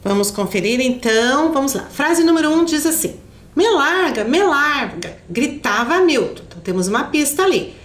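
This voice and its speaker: A Brazilian woman from Curitiba teaching a children's video lesson, her fairly high voice swinging up and down in a lively, animated way. She talks patiently and didactically to the pupil and uses fond little diminutives. The room is echoey, with a faint hum of noise behind her. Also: brisk, few pauses. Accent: Brazilian Portuguese, Curitiba. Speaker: primary school teacher.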